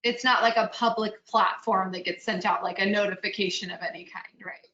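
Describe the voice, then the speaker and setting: A woman moderating a panel webinar on a video call, relaying audience questions with upbeat, quick acknowledgements. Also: medium pitch, fairly even intonation, crowd noise. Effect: video call audio. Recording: muffled, roomy video call audio.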